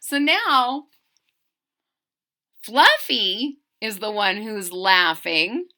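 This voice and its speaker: Speaking very slowly at a medium pitch, a woman reads a storybook to young children. She gives the story dramatic, expressive emphasis and breaks off for chatty asides to her listeners.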